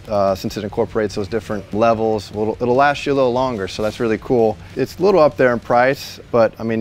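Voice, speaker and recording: A man in his thirties in a warehouse, giving a chatty, jokey product walkthrough on a lapel mic and laughing at his own slips. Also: medium pitch. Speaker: store product reviewer. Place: large warehouse, indoors.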